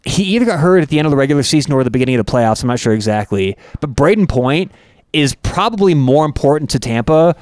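A Canadian man talks hockey in an easygoing podcast chat, his voice smooth and resonant. The sound is close and dry, with no room around it. He gets animated and excitable when the game comes up. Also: medium pitch, fast, no room sound. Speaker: podcast co-host. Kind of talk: casual sports chat.

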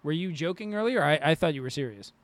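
Excitable high-voiced male co-host. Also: fast talker, slight background noise. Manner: excitable, animated, laughs a lot. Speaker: podcast co-host. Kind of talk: casual chat.

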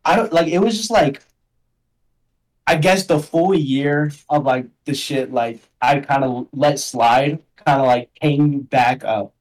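A man's voice: mid-range voice, takes it slowly, low-quality recording. A young man chatting casually as a podcast guest, rambling in slang and filling his talk with "like" and "bro". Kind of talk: casual chat.

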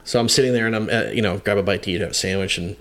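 A veteran firefighter in his fifties tells a long story in a podcast chat, rambling and hesitant, restarting often and acting out quotes. His fairly low voice is a bit bright and rapid-fire.

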